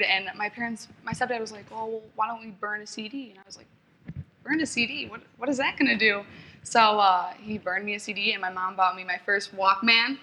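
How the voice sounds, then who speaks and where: Teen girl on a panel, bright voice, chatty and a bit shy, faint room hum behind. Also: mid-range voice, rough recording. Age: late teens. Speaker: panel guest. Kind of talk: panel discussion.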